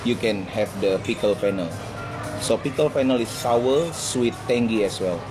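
A man who grew up in Malaysia, a head chef, chatting casually and haltingly in a radio interview and laughing often. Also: mid-range voice, music in the background.

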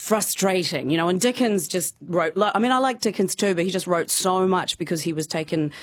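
A middle-aged woman with a mild New Zealand accent talks very quickly. She is wry and emphatic, like a comedian chatting in an interview. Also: lowish voice, no echo, clean studio sound. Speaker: comedian and performer, interview guest. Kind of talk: lively casual interview chat.

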